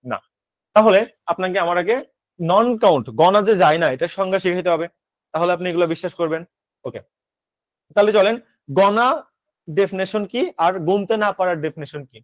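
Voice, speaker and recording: Fast-talking high-voiced male tutor. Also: no echo. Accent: Bangladeshi. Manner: drilling with quick questions he answers himself. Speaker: English tutor. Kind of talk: online admission-prep grammar lesson. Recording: slightly dull lo-fi audio.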